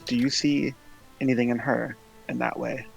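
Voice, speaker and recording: A man speaking in character in a tabletop game, hesitant and halting with many pauses and fillers. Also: mid-range voice, level tone, vocal fry, soft background music, rough recording. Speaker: player. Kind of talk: in-character tabletop role-play.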